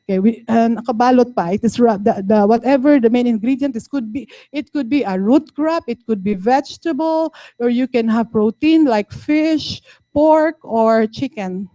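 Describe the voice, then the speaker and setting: A Filipino-accented woman gives a university lecture, walking through each point patiently and checking that the class follows. Her voice is mellow and darkish. The recording is close and dry. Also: on the high side, normal speed, dry recording. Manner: code-switching, explaining patiently with frequent "no?" and "okay?". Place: lecture room.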